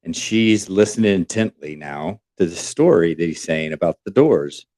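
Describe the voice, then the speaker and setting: Podcast co-host, male, low-ish voice, animated storyteller. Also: moderate pace. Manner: animated retelling with acted quotes.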